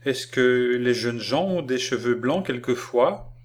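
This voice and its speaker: A man reading aloud and voicing a spirited, capricious little girl in a high, piping, insistent voice. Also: lively intonation, measured pace, close to an everyday voice. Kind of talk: audiobook character voice.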